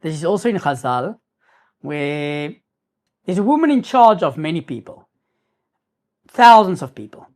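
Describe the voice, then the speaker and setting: Speaking at a measured pace with long pauses, this YouTuber has a slightly high, somewhat mellow voice that swings widely in pitch. He is a South African native Afrikaans speaker telling a rambling story casually to camera, restarting and using Hebrew terms.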